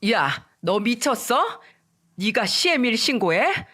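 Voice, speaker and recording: A woman voicing an angry older mother-in-law who shouts accusations at her daughter-in-law in a storytelling radio drama. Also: a little high, very animated, takes it slowly, pitched above the performer's own voice, full character voice. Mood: furious.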